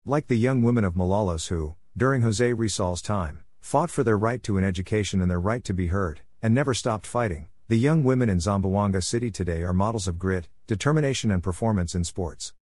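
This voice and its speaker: A man with a fairly low voice reads an opinion piece aloud, measured and formal. The recording is dry and close, with no room around him. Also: darkish tone, no room sound. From Philippines. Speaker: opinion column reader. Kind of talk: scripted narration of an editorial.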